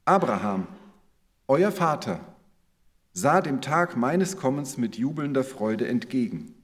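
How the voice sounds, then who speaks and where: Jesus as an earnest, steady male teacher, read by a preacher, his voice moving with a lively melody and carried on the long reverb of a church hall. The delivery is measured and unhurried, a reading of scripture. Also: medium pitch.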